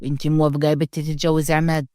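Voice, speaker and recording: A woman's voice: deep voice, little pitch movement, very fast, mellow, no room sound, clean studio sound, pitched below the performer's own voice, natural voice. A woman voicing an elderly, respected father, coaxing and insistent in a story reading. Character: elderly Upper Egyptian father, a respected hajj, calm and insistent. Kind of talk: storytelling read-aloud.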